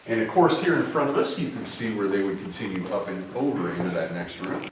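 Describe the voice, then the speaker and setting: A man's voice: on the low side, expressive, fast talker. A man working as a cave tour guide, giving informal explanatory commentary with trailing sentences, his voice echoing in the cave. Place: inside a limestone cave. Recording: echoing cave, distant mic, faint noise.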